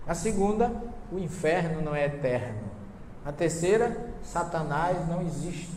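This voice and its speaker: Lecturing on Bible translations in a hall, a Northeastern Brazilian man tells humorous anecdotes and puts questions to his audience. His voice is a little high and slightly mellow, with lively intonation and a moderate pace. The recording has long reverb from the echoey hall and a faint hiss.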